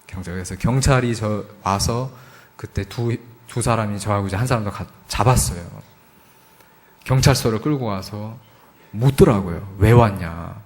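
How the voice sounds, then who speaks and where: A man's voice: on the low side, moderate pace. A man, a missionary, giving an emotional testimony at a church service, telling his story with lots of fillers and acting out the dialogue. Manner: frequent filler words, emotional emphasis. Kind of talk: testimony sermon.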